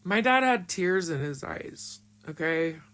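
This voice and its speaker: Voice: mid-range voice, expressive, slow, a bit bright. A speaker with a disguised voice tells a story from their own past in casual spoken style. They talk bluntly and frankly, with frequent swearing. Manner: blunt and frank, swears often, emotional retelling.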